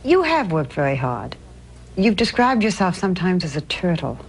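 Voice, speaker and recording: A woman narrating a news magazine segment and interviewing a guest with measured, probing questions. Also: on the low side, sing-song. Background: music.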